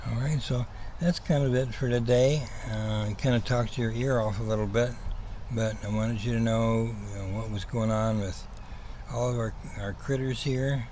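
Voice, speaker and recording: A man giving a casual livestream update as a host, rambling and halting, with a slight whistling lisp from missing front teeth. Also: medium pitch, fairly even intonation, mellow. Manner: rambling, hesitant, halting with repeated words. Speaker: host, cat rescue operator. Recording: clearly noisy ambient background.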